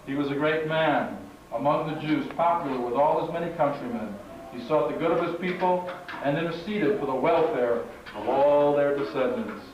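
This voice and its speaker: A man with a slightly high voice reads scripture aloud at a moderate pace, serving as narrator and master of ceremonies at a live congregational puppet show. He's captured from far off in a large, very echoey hall, so the recording sounds muffled and noisy.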